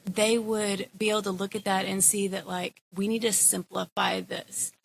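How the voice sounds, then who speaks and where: A woman's voice: mid-range voice, little pitch movement, normal speed, vocal fry, slight background noise. A woman in her thirties, a guest in an interview, talking casually with lots of fillers. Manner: casual, chatty, many fillers. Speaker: guest, educator and mother. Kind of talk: conversational interview.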